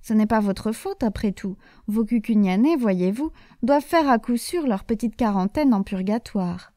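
A woman's voice: fairly high pitch, lively intonation, moderate pace, dark tone, no echo, clean studio sound, close to an everyday voice. Kindly old gatekeeper saint, a woman doing him. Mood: genial. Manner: genial, reassuring.

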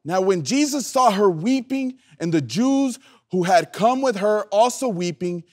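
A young man preaching a youth sermon, lively and playful, calling on the audience to answer back. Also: high-pitched, a little slow. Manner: animated, playful, calls for audience response. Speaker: youth pastor.

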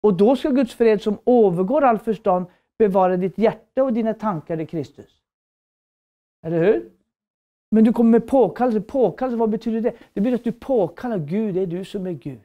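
A woman's voice: mid-range voice, animated, muffled recording. A woman giving a preaching lecture at a Bible school, fervent and emphatic, with repeated phrases and rhetorical questions.

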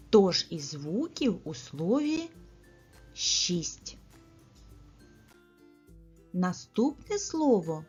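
Woman, preschool teacher, slow careful speech, lively singsong pitch, lo-fi recording. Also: slightly rough. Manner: slow, carefully articulated, pauses for children's answers. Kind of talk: speech lesson for young children.

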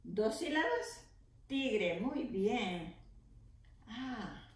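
A woman teacher leading an early reading lesson for young children, slowly sounding out letters and syllables. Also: a little high, animated. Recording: echoey room.

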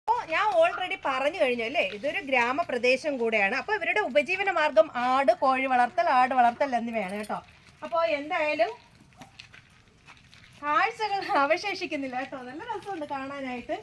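High-pitched southern Kerala woman vlogging outdoors. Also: lively intonation, normal speed, fairly bright tone. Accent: southern Kerala Malayalam. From Kerala, India. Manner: chatty, repeats phrases, frequent tag questions to viewers. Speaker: travel vlogger. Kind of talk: casual walking vlog commentary. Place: outdoors, walking through a village and rocky hill. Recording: outdoor recording with background noise.

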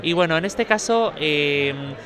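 A man's voice: fairly high pitch, lively intonation, takes it slowly, music in the background. A man, speaking through a face mask as a local TV reporter, asking courteous, formal questions in an on-the-spot interview at an outdoor town festival with a handheld mic. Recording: loud crowd chatter around. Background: crowd chatter.

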